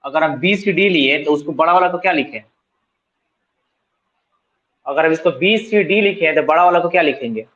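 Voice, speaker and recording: A man's voice: a little high, moderate pace, pauses often, a bit bright, dull audio. A man tutoring math in colloquial Hindi with a Bihari accent, asking his students questions and answering them himself as he works through the steps. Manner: colloquial, mixes English math terms into Hindi. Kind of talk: classroom math lesson, working through steps aloud. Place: coaching centre classroom.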